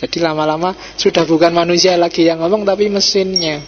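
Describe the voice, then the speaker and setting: A middle-aged man with a Javanese accent giving a relaxed, teasing philosophy lecture to a study circle in a mosque, slipping into Javanese asides. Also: fairly high pitch, fairly quick. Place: mosque hall. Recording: dull echoey hall recording with faint hum.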